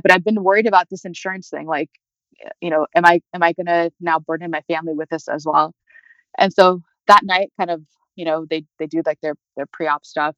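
A woman's voice: sits low, dry recording. A young woman recounts her own painful experience in a loose, conversational way, full of fillers and small nervous laughs. Her voice climbs and strains toward tears as she goes on. The recording is dry and a little muffled, with no room sound. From California. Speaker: guest telling her story. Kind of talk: personal storytelling. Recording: dry, slightly muffled audio.

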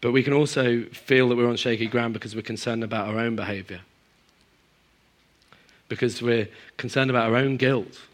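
A man preaching a sermon to a congregation, moving between emphatic high passages and quiet, low stretches. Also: moderate pace. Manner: animated, swings from emphatic highs to quiet low asides. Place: church hall in front of a congregation.

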